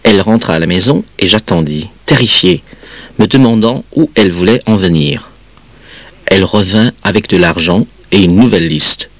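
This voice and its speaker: A man with a lowish voice reads a story aloud, measured and expressive. The recording is dry and close-miked, with no room around him. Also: gravelly, no echo. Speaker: reader.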